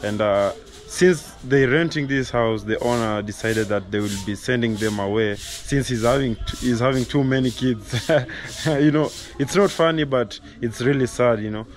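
A Kenyan man talks straight to camera in a relaxed vlog style, his voice sitting in an ordinary middle pitch. He is eager and chatty, leaning on easy fillers as he goes. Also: moderate pace. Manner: enthusiastic, chatty, many "you know" fillers. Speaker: vlogger host. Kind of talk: casual vlog talk to camera.

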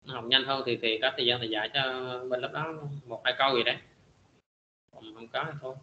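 A middle-aged man teaching a high school math class in a classroom lecture, filling his pauses with frequent hesitant "à" sounds. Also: fairly even intonation, sharp tone, roomy sound, muffled recording, a little hiss or hum.

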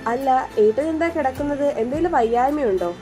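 A woman's voice: sits high, moderate pace, over music, voice pushed up, lightly acted. A woman voicing a shy but cheeky young wife who talks in a playful, flustered way in a storybook reading.

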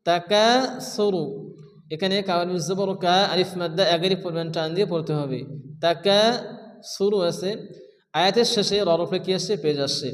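A man teaching Quranic recitation, explaining each rule plainly and then chanting the verses slowly with long drawn vowels. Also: high-pitched, in a large hall. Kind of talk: step-by-step recitation lesson.

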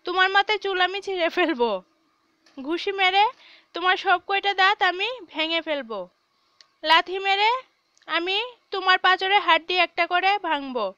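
Scathing and loud, this is an enraged young mother barking insults down a telephone, as a woman reads her part in a storybook. The voice sits very high and bright. The recording is dry and a little dull. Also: moderate pace, no room sound. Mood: furious. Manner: scolding, hurling insults. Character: furious shouting young mother.

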